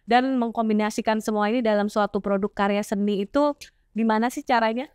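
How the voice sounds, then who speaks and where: A woman hosting an interview, asking relaxed, long questions in a casual way. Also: fairly high pitch, fairly quick, clean tone, no room sound, clean studio sound. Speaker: interview host.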